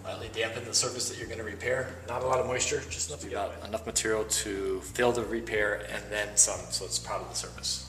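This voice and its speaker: Bright-voiced man explaining plaster repair. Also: fairly low pitch, fast, hardly any pauses. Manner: relaxed, explanatory, with frequent fillers. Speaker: plaster instructor. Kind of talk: instructional demonstration. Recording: roomy echo, voice from a distance, faint music.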